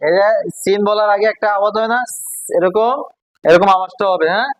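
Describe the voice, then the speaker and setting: In a classroom call-and-response drill, this Bangladeshi Quran teacher patiently works through letter sounds and quizzes the class. He speaks at a racing pace in a medium pitch. The audio is dry and of poor quality.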